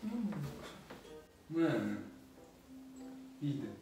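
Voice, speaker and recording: A man's voice: fairly high pitch, big pitch swings, extremely slow, warm tone, far from the mic. A young man in a casual chat, slangy and saying mano a lot. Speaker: pranked boyfriend. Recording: echoey room, off-mic, faint music.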